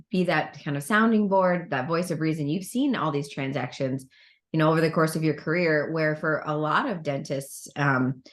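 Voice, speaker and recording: A middle-aged American woman with a low-pitched voice hosts a chatty interview. She is from the Midwest and speaks in an informal, conversational way over a video call. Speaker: host. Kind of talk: casual interview chat. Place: indoor room at home or office.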